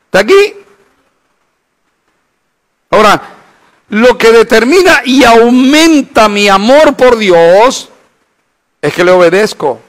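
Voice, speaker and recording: High-voiced animated male preacher. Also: takes it slowly, pauses often. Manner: animated, acts out imagined voices, rhetorical questions. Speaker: pastor. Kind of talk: Bible study sermon.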